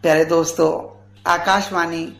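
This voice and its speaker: A man in his forties, a radio guest, giving a formal tribute speech in an earnest, measured way. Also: fairly high pitch, flat delivery, gravelly, fairly bright tone, echoey room, a little hiss or hum. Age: 40s.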